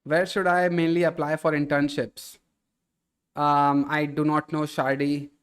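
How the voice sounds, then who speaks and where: A man hosting a casual live stream, reading viewer chat aloud and answering in a relaxed way, often calling people "bro". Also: on the high side, measured pace, smooth.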